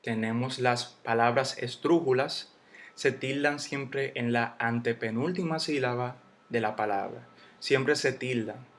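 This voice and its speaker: A man teaching a Spanish spelling lesson, slowly spelling out syllables and letters. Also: mid-range voice.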